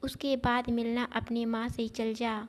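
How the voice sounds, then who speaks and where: A bossy, scornful middle-aged mother-in-law, put on by a woman reading a storybook. She speaks in a rather high voice that stays level, with little rise and fall. Her manner is cutting and domineering. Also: level tone, measured pace, lightly acted. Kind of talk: storybook narration.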